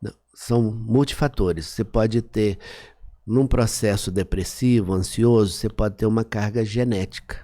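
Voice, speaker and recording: A man's voice: fairly low pitch, moderate pace, dark tone. A man, a psychologist guest on a podcast, explaining things in a teaching manner and often checking that he is understood.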